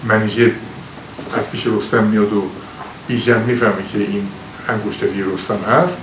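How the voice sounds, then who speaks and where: A man's voice: lowish voice, steady tone. A man teaching classical poetry who explains old words patiently and breaks into raised, declaiming recitation of verses. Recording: echoey room, mic far off, faint hiss.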